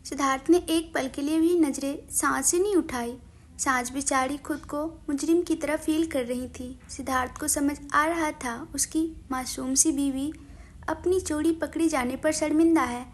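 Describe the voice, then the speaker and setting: A woman with a high, light voice narrates a romantic audio story. Her telling is gentle and expressive, scripted and steady as she moves the tale along. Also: a little slow.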